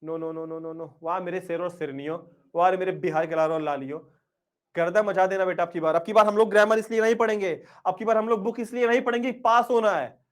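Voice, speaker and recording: A male teacher giving an energetic online class and cheering his students on. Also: high-pitched, quick pace. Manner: energetic, rousing, mixes in English words.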